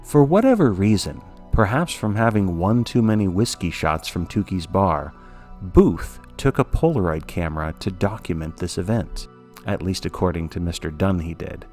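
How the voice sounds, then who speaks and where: A man with a very low voice tells a spooky story in a scripted, measured way, with a dry, wry edge. Quiet music plays softly under his narration. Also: lively intonation. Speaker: podcast narrator.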